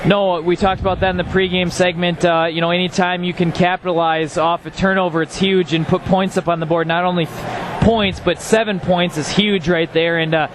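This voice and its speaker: A man's voice: sits high, flat delivery, fairly quick. A man giving casual, colloquial live color commentary on a football game. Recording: clear noise behind voice.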